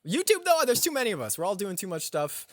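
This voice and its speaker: A man's voice: high-pitched, fast, no room sound, studio quality. A man hosting a casual podcast with friends, rambling and joking as he talks. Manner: rambling, joking, animated, swears freely. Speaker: podcast host. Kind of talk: casual banter among friends.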